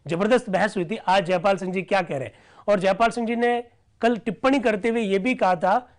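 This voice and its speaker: A man's voice: high voice, brisk. A man teaching an online class who reads out old debate records and explains them, often asking whether his listeners follow.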